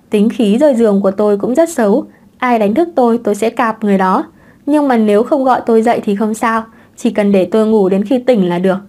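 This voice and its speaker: A woman's voice: a little high, warm tone, lightly acted. A woman voicing a brazen, cheeky young divorced mother in an audiobook romance.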